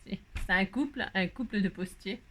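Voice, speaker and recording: A woman's voice: mid-range voice, moderate pace, a bit bright, slight background noise. A woman crafting vlogger chatting casually, rambling and playful, with many fillers and jokes, feeling hot. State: hot, complaining of heat. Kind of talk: casual chat while crafting.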